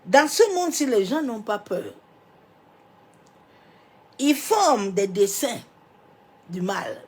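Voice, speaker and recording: She's a woman pastor giving a sermon with a cold, coughing as she goes, her slightly high voice sing-song, unhurried, and a bit rough. Booming, emphatic statements alternate with quiet, nearly whispered asides, and she tosses in small rhetorical interjections.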